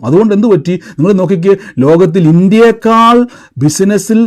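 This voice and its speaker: A man's voice: high-pitched, a little mellow. A man preaching a live-streamed sermon, asking emphatic questions and leading the listeners in repeated declarations. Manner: emphatic, rising questions and call-and-response.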